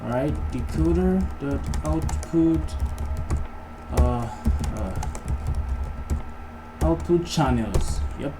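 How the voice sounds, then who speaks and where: Over music, a man with a higher voice and lively intonation talks extremely slowly, leaving long pauses as he narrates an informal coding tutorial and thinks aloud step by step. He's a programming tutorial host, and the clearly noisy recording carries background noise and keyboard typing.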